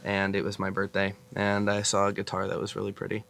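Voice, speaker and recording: A man's voice: lowish voice, monotone, brisk, creaky, a bit bright. A man from Oregon, a band's guitarist, talking casually in a documentary interview and laughing now and then. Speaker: guitarist in a band. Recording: noisy handheld documentary audio.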